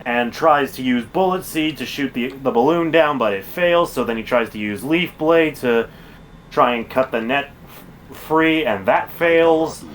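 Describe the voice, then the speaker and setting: A man's voice: mid-range voice, a little slow, a little hiss or hum. A man streaming a game, chatting casually and rambling with lots of fillers and self-corrections. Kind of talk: casual chat while gaming.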